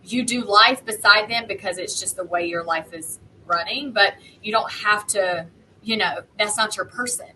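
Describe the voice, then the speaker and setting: A woman speaks in a bright, clear-cut voice at a middle pitch. She is frank and matter-of-fact, as in a casual discussion among peers, with some noise in the room behind her. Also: normal speed, poor audio. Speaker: online content creator and panelist.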